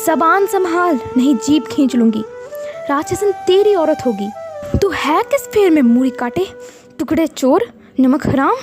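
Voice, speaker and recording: A woman voicing a fierce, proud village wife who scolds in a shrill, tearful voice. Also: expressive, a little slow, music in the background. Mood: angry scolding.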